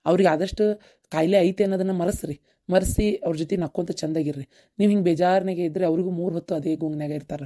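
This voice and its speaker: A woman voicing caring village relatives in a cartoon, with a North Karnataka Kannada accent and a brisk, reassuring manner. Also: on the low side, steady tone, warm tone, close to an everyday voice. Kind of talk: cartoon voice acting.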